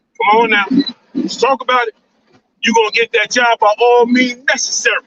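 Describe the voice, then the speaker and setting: Man, very high pitch, bright and cutting, emphatic and preachy livestream host, dull lo-fi sound from a distance. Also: flat delivery, normal speed, a little hiss or hum. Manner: emphatic, repetitive, lecturing, ends lines with "man". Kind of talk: casual livestream talk.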